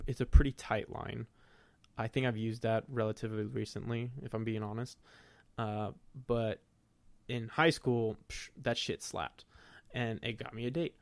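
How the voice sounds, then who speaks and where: A young man hosting his podcast tells a self-deprecating, profane story in a casual, animated way. His voice is mid-range, with no echo.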